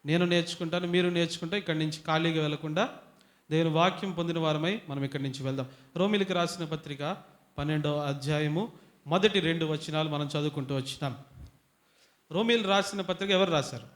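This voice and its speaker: A man leading a Bible study for young people, who keeps asking questions and pushes the audience to answer louder. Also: a little high, a little fast. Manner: quizzes the audience, urges them to answer louder. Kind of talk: interactive bible teaching to youth. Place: retreat hall.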